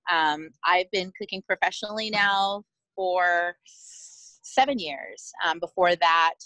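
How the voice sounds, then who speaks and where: A woman's voice: on the low side, a bit bright, no room sound, poor audio. A middle-aged woman chef from Oakland, chatting casually as a podcast guest over a video call with frequent fillers. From Oakland, California. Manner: chatty, many "um" fillers, laughs easily. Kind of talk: casual interview chat. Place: at a winery.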